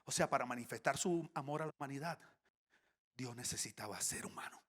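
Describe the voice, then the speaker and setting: A man's voice: mid-range voice, brisk. A male pastor delivering a sermon before a congregation. He tells stories with comic flair and sometimes drops into a whisper. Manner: animated, comic storytelling with dips into whispers. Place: church stage before a congregation.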